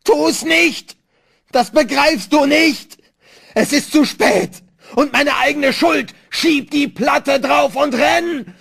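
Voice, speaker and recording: A man voicing a panicked young man trapped underground, shouting desperately in a high voice. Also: animated, takes it slowly.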